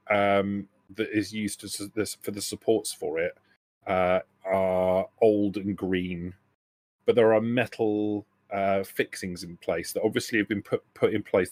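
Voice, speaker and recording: Acting as game master for a tabletop role-playing game, a man with a lowish voice describes the scenes in a hesitant, self-correcting way. The recording carries no room sound.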